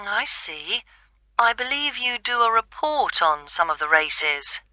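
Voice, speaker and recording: A woman playing an interested, inquiring caller in a scripted phone dialogue, brisk in manner. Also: fairly high pitch, sing-song, bright, forceful tone, full character voice, rough recording. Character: interested woman caller asking about volunteering. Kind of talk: scripted listening-test dialogue.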